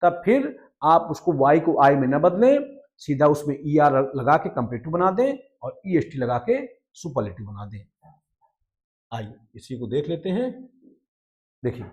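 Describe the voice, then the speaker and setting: A man teaching a grammar lesson. He repeats each rule in Hindi, reads the English lines slowly and keeps checking in with his listeners. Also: a little high, darkish tone. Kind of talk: explaining a lesson.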